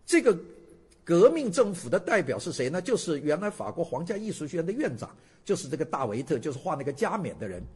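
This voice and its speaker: A man's voice: a little high, big pitch swings, fast talker, a little mellow, husky. An older man lecturing to students in a casual storytelling way, often putting questions to the audience.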